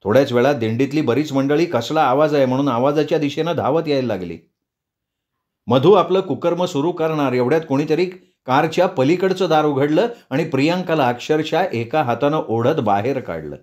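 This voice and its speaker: A man telling a story aloud in steady, expressive audiobook narration. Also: a little high, normal speed.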